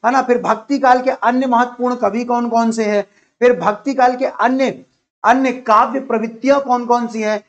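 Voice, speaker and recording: A man with a high-pitched voice gives an online exam-prep lecture. He walks through the syllabus in an explanatory way, repeating himself as he lists each topic. The recording sounds dull and lo-fi. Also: steady tone, normal speed. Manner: repetitive, explanatory, enumerating topics. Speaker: teacher.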